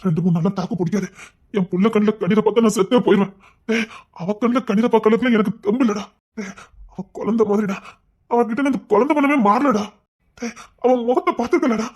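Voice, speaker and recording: A man's voice: high voice, quick pace, husky. A man voicing an anxious, doting father in an audio love story, confiding his worry plaintively. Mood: worried.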